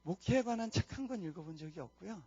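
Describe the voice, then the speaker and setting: Earnest Korean-speaking man preaching, husky. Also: high voice, lively intonation, fast talker, muffled recording. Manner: earnest storytelling, drops to hushed tones for prayers. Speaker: missionary preacher. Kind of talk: sermon testimony. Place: church conference hall.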